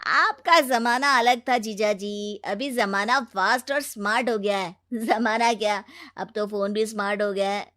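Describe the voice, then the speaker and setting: A woman's voice: medium pitch, a little slow, hardly any pauses, sharp tone. A woman voicing a cocky twenty-year-old young man hooked on his phone, breezy and dismissive. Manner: breezy and dismissive, whiny when upset.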